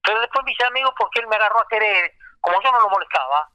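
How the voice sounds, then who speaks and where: A man with an Argentine accent, a singer recalling his career in a lively casual anecdote, acting out remembered dialogue. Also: high voice, racing, clear, resonant tone, dry recording, lo-fi sound.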